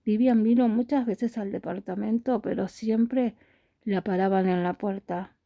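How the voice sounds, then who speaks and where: A woman reads a novel aloud in a calm, steady audiobook style. Her voice is very dark and mellow, and the recording is close and dry. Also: mid-range voice, measured pace, gravelly, no room sound. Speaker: storyteller.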